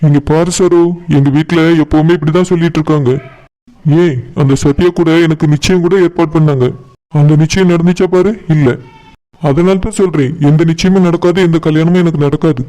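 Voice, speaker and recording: A man voicing a young village man in a cartoon, calm and reassuring on the phone. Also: fairly high pitch, fairly quick, lightly acted, low-quality recording.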